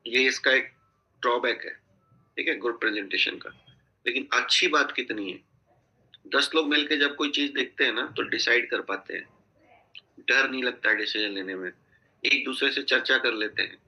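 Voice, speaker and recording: A man's voice: medium pitch, normal speed, pauses often, bright, forceful tone, dull audio. A man coaching a sales team on a video call, giving instructive advice and often checking that listeners follow. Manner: instructive, repeatedly checking in with "theek hai?".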